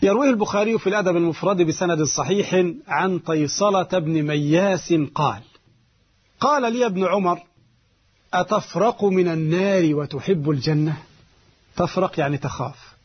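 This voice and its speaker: A man delivers a sermon in a high, slightly husky voice. He presses his points with slow, emphatic repetition. The recording sounds dull and muffled. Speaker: preacher.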